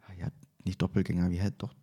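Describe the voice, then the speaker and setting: Husky, low-key male podcaster in echoey room. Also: flat delivery, fast talker, warm tone. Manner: hesitant, rambling and informal. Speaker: fan podcast host. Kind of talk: casual podcast chat. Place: echoey space outside the studio.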